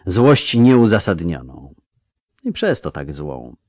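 A man narrating a fantasy audiobook in a measured, even storytelling manner. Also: sits low, no echo.

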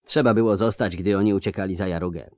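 A man's voice: low voice, steady tone, quick pace, a little mellow, no echo, lightly acted. A man voicing a bitter, outraged male elf officer. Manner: bitter, self-mocking.

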